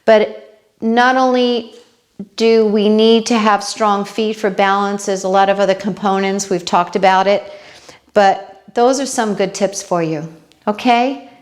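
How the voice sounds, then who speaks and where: New york lady fitness instructor, talks really slow, walks you thru the moves, keeps saying okay?. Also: mid-range voice, fairly even intonation. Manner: unhurried, talks while demonstrating moves; chatty asides, checks in with viewers. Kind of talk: casual exercise demonstration.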